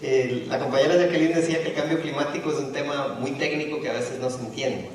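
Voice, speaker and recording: A fast-talking middle-aged man from Ecuador presents a public lecture in a university auditorium in a medium-pitched, steady tone. Even so, he speaks hesitantly with many restarts and fillers, recorded distantly in an echoey hall.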